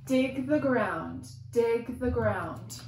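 A woman in her thirties, a preschool teacher, reads to young children in a slightly high, darkish, expressive voice, going extremely slowly. Her sing-song rhythm lands hard on sound words. Recorded in a small room at home by a camera a few feet away, the audio has a roomy echo and a little hiss or hum.

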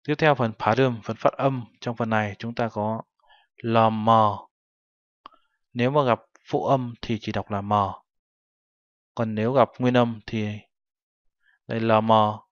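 A man's voice: on the low side, steady tone, unhurried, pauses often, no echo. A male teacher patiently explaining a textbook lesson and translating each phrase step by step. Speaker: Korean language teacher. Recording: dull lo-fi recording.

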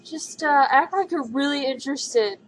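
A woman's voice: high voice, normal speed, low-quality recording. A young woman rambling in a giggly, drunk manner as she casually talks through a makeup tutorial on a home webcam. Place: living room at home, indoors. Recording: webcam audio with background noise.

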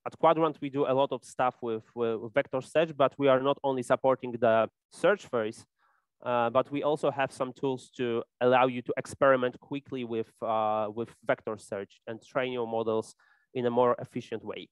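A man's voice: mid-range voice, steady tone, normal speed, clean tone, no room sound, muffled recording. A man giving a technical conference talk, hesitant, with many fillers and restarted phrases. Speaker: conference speaker. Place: conference hall.

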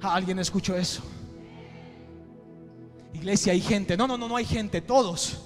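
A man preaching a sermon as pastor, moving between hushed passages and fervent shouting. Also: high-pitched, a little slow. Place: church. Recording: reverberant hall with music underneath.

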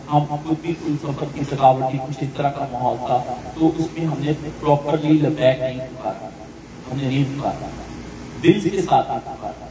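A man with a Pakistani Urdu accent giving a religious talk, animated and often laughing as he explains. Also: fairly high pitch. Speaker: religious teacher. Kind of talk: religious talk with questions from listeners. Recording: echoey hall mic from far off, crowd behind.

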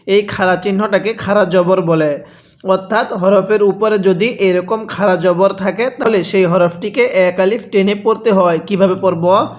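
High-voiced Bangladeshi Bengali teacher. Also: male voice, fairly even intonation. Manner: patient, repeats syllables slowly for learners to echo. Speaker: Quran reading teacher. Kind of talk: slow spelled-out recitation lesson.

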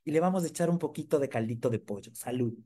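Lively sales trainer. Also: male voice, medium pitch, fast. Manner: lively, jokes and quizzes the audience. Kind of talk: live sales training demonstration.

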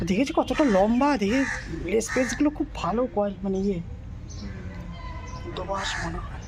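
A woman vlogger with a Bengali accent, talking quietly and gently to her viewers while coaxing a stray dog to eat. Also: mid-range voice, lively intonation, moderate pace, crowd noise, rough recording. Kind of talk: casual vlog.

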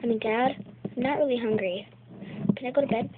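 A woman's voice: a little high, brisk. A young girl play-acting a family scene with toys, voicing the characters herself in a playful, squealing way. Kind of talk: toy play-acting with voices. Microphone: phone. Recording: tinny phone recording with loud noise.

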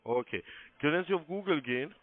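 Briskly and expressively, a fairly high-pitched man in his thirties handles calls as an agent. He offers polite, formal step-by-step instructions and spells things out. There's no room sound, and the audio has a narrow phone-line quality.

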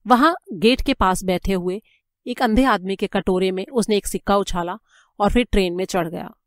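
A woman reading a story aloud as an audiobook narrator, with measured, expressive storytelling. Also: mid-range voice, dry recording, clean studio sound.

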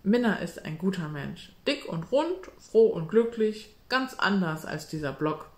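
A woman's voice: on the low side, lively intonation, a little slow, a little mellow. Cheeky schoolboy, read by a woman, eager and bold, storybook, roomy sound. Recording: roomy echo.

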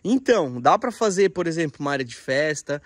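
A man's voice: a little high, sing-song, fairly quick. A man giving a casual, slangy house tour, chatting to viewers and pointing out details as he walks through an empty house. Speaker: real estate video host. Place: empty house with bare hard floors. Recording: echoey empty rooms, long reverb.

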